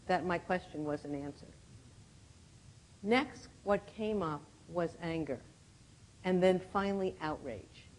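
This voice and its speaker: Woman, 70s, conference speaker; reflective storytelling, slightly low pitch. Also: a little mellow, poor audio. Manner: reflective, clears her throat often, laughs at her own slips. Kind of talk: personal storytelling talk. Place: conference room with audience.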